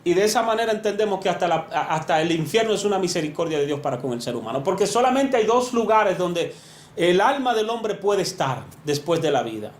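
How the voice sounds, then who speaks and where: Preaching a sermon in a roomy, echoey space, a man with a high voice is very animated, earnest, and emphatic, speaking briskly. His pitch climbs and drops to hammer each point home.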